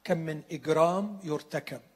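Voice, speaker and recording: A pastor with an Egyptian Arabic accent who preaches earnestly and with slow emphasis, sometimes dropping to a whisper. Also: male voice, a little high, a little mellow. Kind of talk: sermon. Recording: long hall reverb.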